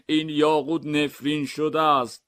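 A man's voice: on the high side, little pitch movement, fairly bright tone, natural voice. A man voicing a museum guard and an inspector in a comic mystery story reading, speaking matter-of-factly and questioning firmly. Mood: earnest. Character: museum guard and inspector, plain grown men.

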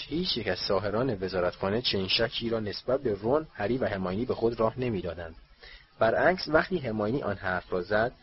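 Low-voiced male audiobook narrator. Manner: steady, measured storytelling. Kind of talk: scripted narration. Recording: dull lo-fi recording with faint hiss.

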